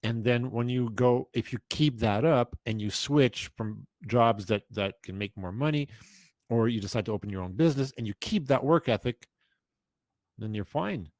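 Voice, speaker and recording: A man's voice: medium pitch, moderate pace, no echo. A man in his fifties hosting a casual chat, talking emphatically and rambling with restarts. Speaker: podcast host.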